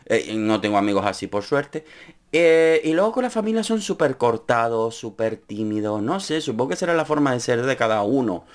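A young man from Spain giving casual comedic commentary on a reality show, laughing often and slipping into high mimicking voices. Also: lively intonation, moderate pace.

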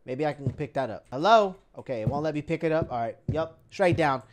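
A man's voice: on the high side, animated, fairly quick. A young man casually commentating a horror game for viewers, slangy and easily startled. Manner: slangy, jumpy, talks to viewers. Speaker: gaming YouTuber. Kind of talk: horror let's play commentary.

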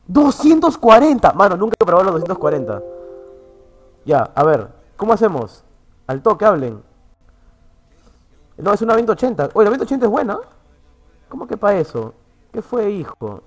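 A man with a Peruvian Spanish accent streaming from an internet café booth, chatting casually with his viewers. He is excitable, swears freely, and swings between loud outbursts and low muttering. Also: moderate pace, pauses often, faint music behind. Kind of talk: casual livestream chat.

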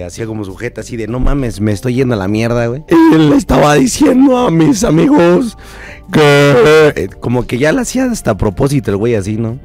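A hoarse young man with a Mexican accent, sick with a cold, chatting casually on a live stream, reading out chat and swearing freely. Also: mid-range voice, darkish tone.

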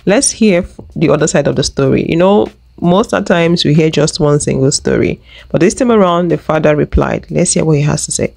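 A woman's voice: low voice, brisk, gravelly, a little mellow. A woman hosting a reaction video, recapping the story in a conversational way and building suspense into a studio mic. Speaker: channel host. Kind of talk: reaction commentary. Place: home room. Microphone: studio mic on stand.

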